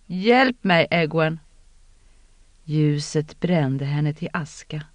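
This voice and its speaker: An audiobook narrator reading fantasy prose in an even, steady storytelling manner, recorded close to the mic. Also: mid-range voice, dry recording, muffled recording.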